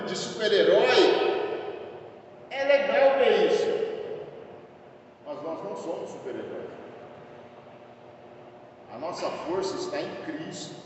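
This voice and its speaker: A man's voice: high-pitched, a little mellow, a little hiss or hum. A man with a Brazilian Portuguese accent teaching a Bible class earnestly, asking rhetorical questions and calling listeners brother. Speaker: Sunday school teacher. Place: church hall. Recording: echoey church hall, distant mic, dull sound.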